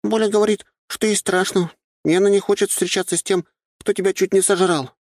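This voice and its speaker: A man voicing a squeamish, shrill young girl in an audiobook, whiny and loud. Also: fairly even intonation, brisk, no echo, clean studio sound. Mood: shouting. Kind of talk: audiobook character voice.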